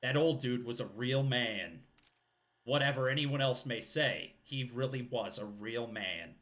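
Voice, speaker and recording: A man's voice: medium pitch, unhurried, a bit bright, close to an everyday voice. A man with a scratchy throat voicing a brooding young male hitman's reflective monologue from a game.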